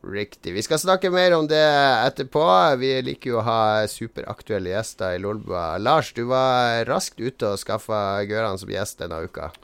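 A man's voice: lowish voice, animated, creaky, hardly any pauses, fairly bright tone, smooth, dry recording. A man with a Northern Norwegian accent casually hosting a podcast. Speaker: podcast host.

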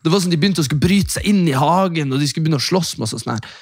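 Gravelly young man, animated. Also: a little high, no echo, studio quality. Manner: animated, acts out quoted voices loudly; swears a lot, fast rambling. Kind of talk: casual storytelling chat.

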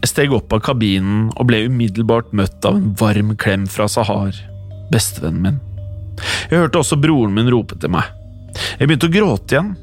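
A man's voice: lowish voice, animated. A man reading a scripted first-person horror story in a tense, suspenseful way. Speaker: narrator. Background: faint music.

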